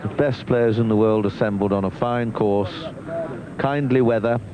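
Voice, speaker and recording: A man's voice: lowish voice, steady tone, moderate pace, a crowd in the background. A man giving live golf commentary, musing in colloquial turns of phrase as a golf commentator. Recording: noisy 1990s TV broadcast.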